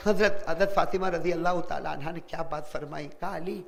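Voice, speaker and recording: A man's voice: fairly high pitch, fairly even intonation, creaky. A man preaching an impassioned storytelling sermon, often putting questions to his listeners and repeating phrases. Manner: keeps asking the audience questions and repeating phrases. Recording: long hall reverb.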